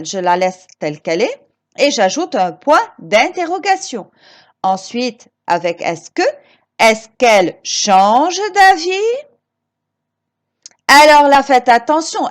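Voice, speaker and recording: A woman teaching grammar to children, slow and emphatic, repeating each example and encouraging her pupils with questions. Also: a little high. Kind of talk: recorded grammar lesson for children.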